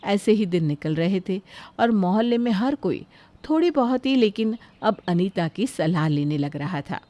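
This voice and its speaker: A woman narrating a moral story in a steady, scripted storytelling manner. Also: mid-range voice, normal speed, no echo, dull audio.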